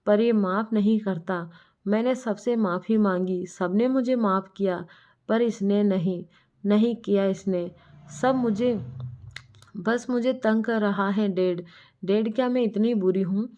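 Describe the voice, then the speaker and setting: A woman voicing a drunk, tearful young woman who talks slowly and sulks like a child. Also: medium pitch, lightly acted. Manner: slow slurred complaining. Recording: muffled lo-fi recording.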